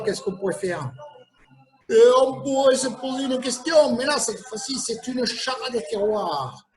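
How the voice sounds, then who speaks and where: A man's voice: high voice, a bit bright, low-quality recording. A man hosting a casual quiz game, playful and teasing, chuckling at his own riddles. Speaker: host of a live quiz game.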